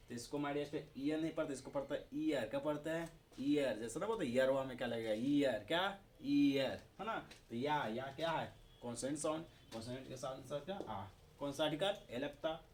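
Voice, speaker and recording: A man's voice: fairly high pitch, a little hiss or hum. Indian man drilling a grammar lesson. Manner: drills students with repeated questions and answers. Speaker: English grammar teacher. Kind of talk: classroom-style video lesson in Hindi.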